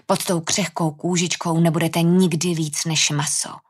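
Feral female forest spirit, hissing and threatening, low voice, played by a woman narrator. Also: level tone, husky. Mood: hissing menace. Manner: hissing, menacing.

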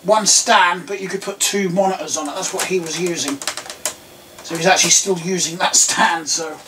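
An Englishman in his thirties, a tech vlogger, shows off computer parts in a small room at home, rambling in a relaxed way with lots of ums. His croaky voice is high-pitched at a normal speed. He's recorded on a distant camera mic, a bit off-mic, with faint room noise.

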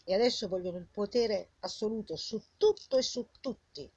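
An older woman with a husky old woman's voice delivers an indignant, scolding monologue straight at the listener, full of rhetorical questions and repeated phrases. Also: mid-range voice, normal speed, darkish tone, no room sound. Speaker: vlogger. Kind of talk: impassioned informal monologue addressed to the viewer. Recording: dull lo-fi sound.

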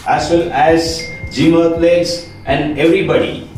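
Young male trainer, slightly higher voice. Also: steady tone, measured pace, darkish tone, soft background music. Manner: filler-heavy, says "guys, like". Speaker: fitness trainer. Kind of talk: equipment walkthrough. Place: small room in a home gym. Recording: echoey room, distant from mic.

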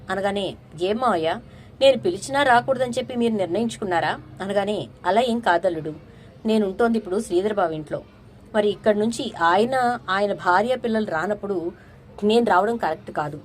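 A woman's voice: medium pitch, a little hiss or hum. A woman retelling a TV serial episode, acting out the characters' lines in quoted dialogue.

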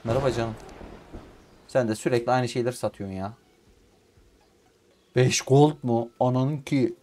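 A young man with in-ear headphones, chatting casually as he plays and often swearing or shouting at the game. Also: mid-range voice, normal speed. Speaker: gaming YouTuber. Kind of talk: casual let's-play commentary. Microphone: in-ear headphones with mic.

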